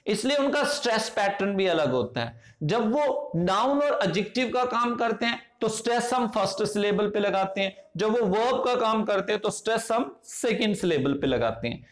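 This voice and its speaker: A man with an Indian accent teaching English phonetics. He goes slowly and deliberately, asking questions and answering them himself. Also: high voice. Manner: slow, deliberate, asks and answers his own questions. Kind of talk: classroom-style lesson explanation.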